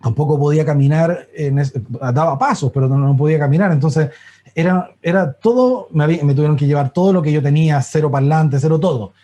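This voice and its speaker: A man's voice: a little high, fast, dark tone. A middle-aged man telling a sermon testimony, with many restarts and acted-out voices. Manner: storytelling with many restarts, acts out quoted voices. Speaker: preacher giving a testimony.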